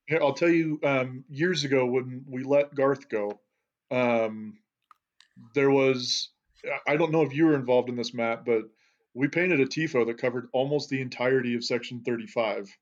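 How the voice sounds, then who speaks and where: A man's voice: medium pitch, fairly even intonation, moderate pace. A man co-hosting a casual podcast, talkative and telling long anecdotes. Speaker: podcast co-host. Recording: slightly dull audio.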